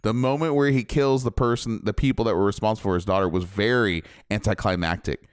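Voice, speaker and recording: Young male podcast co-host, resonant lowish voice, animated rambling film chat, dry sound. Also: fast talker, smooth, no echo. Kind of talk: casual film review chat.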